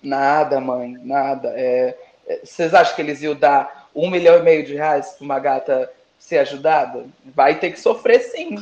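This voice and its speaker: With a medium-pitched, darkish voice at normal speed, a man who's a drag queen guest playfully discusses competing using campy slang. The casual interview sounds roomy, dull and lo-fi.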